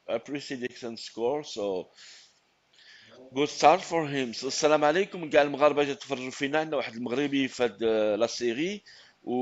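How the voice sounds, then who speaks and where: Moroccan man commentating, dull lo-fi sound. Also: mid-range voice. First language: Arabic. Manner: non-native English phrasing. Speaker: sports commentator. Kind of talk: live sports commentary.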